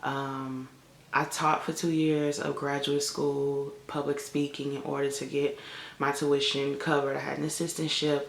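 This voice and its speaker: A chatty young woman from Chicago talks straight to her camera in a loose, candid vlog, her words full of "like" and "um". Her voice has a gravelly, fried edge, and the room around her sounds echoey. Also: rumbling low, flat delivery, a little slow. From Chicago, United States. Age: 20s. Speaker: vlogger and college lecturer. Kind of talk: casual talking-to-camera vlog. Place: room on a family vacation. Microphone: camera in front of her.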